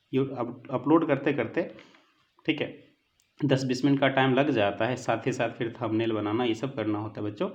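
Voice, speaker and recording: A man gives an online lesson in an earnest, fatherly way and keeps calling his listeners children. He mixes English words into Hindi and his pitch sits in an ordinary middle range. The recording sounds muffled and lo-fi. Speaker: teacher. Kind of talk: online lecture with a moral talk.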